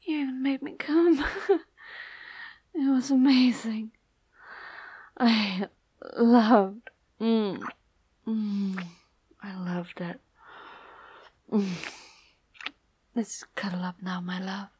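A young woman speaking in an intimate audio roleplay, breathy and soft, often sinking to a whisper close to the mic. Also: mid-range voice, very slow, pauses often, dry recording.

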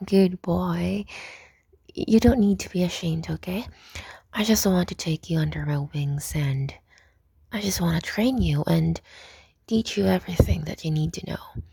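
A young woman whispering close to the mic in an intimate roleplay, soft, coaxing and dominant. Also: on the low side, measured pace, gravelly, slightly rough, no room sound. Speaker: audio roleplay performer.

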